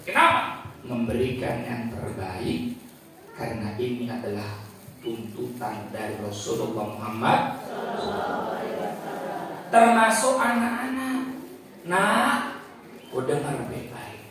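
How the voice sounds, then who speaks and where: A man's voice: medium pitch, animated, slow, pauses often, a crowd in the background. Dramatic male preacher in an echoey mosque. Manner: dramatic, rising and falling storytelling. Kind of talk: sermon. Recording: echoey mosque hall from far off.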